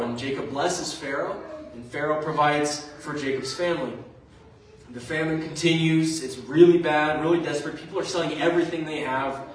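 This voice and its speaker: A man's voice: on the high side, slight background noise. A man preaching a sermon, retelling a story in a conversational way with fillers. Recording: very echoey room, mic far off.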